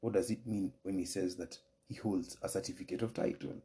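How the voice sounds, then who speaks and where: A Kenyan man hosting a solo podcast, explaining legal doctrine in a measured, formal lecturing way. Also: low-pitched, steady tone, dark tone. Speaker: lawyer and podcast host.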